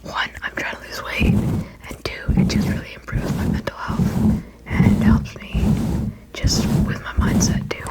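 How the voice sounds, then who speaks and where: A person whispering quickly in an informal ASMR ramble close to the microphone, often repeating and rephrasing phrases. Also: poor audio. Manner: fast, unvoiced whispering. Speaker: video creator and host.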